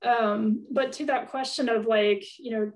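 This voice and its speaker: A woman's voice: a little high, fairly even intonation, measured pace, darkish tone. Distant-sounding woman answering questions. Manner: thoughtful, hedging, many fillers. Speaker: guest speaker answering audience questions. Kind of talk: conversational Q&A answers.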